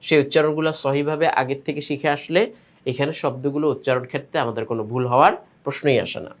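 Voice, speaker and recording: A man's voice: mid-range voice, steady tone, quick pace. A man teaching a reading lesson, spelling out syllables one by one in a rhythmic sing-song chant before joining them into words.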